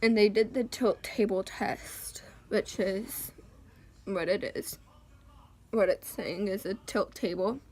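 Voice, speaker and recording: A woman talking casually to camera as a vlogger, hesitant, with many pauses and ums, at home. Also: mid-range voice, darkish tone.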